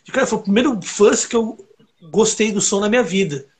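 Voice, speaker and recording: A high-pitched man talks shop in a loose, rambling way. He tells animated stories packed with fillers and asides, like a recording engineer chatting on a podcast. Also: brisk. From Brazil. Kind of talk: casual podcast chat.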